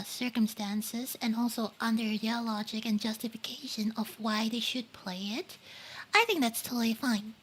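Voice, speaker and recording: A woman's voice: fairly high pitch, breathy edge. A woman streaming live, chatting casually and rambling about games while reading chat messages aloud, with many fillers and some whispered asides. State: eating while talking. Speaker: livestreamer.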